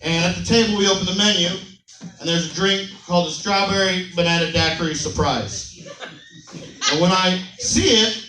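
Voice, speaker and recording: A man's voice: high voice, moderate pace, bright, forceful tone. A young adult man doing stand-up comedy in a club, brash and profane, telling playful stories. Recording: roomy club sound, mic a bit distant.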